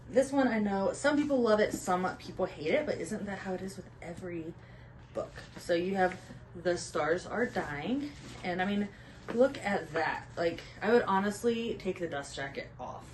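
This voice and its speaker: A young woman chatting casually about books she loves, gushing and sometimes dropping to a soft whisper. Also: on the low side, a little hiss or hum, poor audio. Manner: gushing, drops to soft whispers when emotional. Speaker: book vlogger. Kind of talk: casual book chat.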